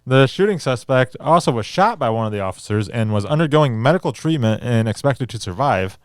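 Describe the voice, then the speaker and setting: A man's voice: medium pitch, expressive, fairly quick, clean tone, no room sound, studio quality. Sarcastic man reading news aloud on a podcast. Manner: sarcastic, swearing, reads articles and riffs on them. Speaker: podcast co-host.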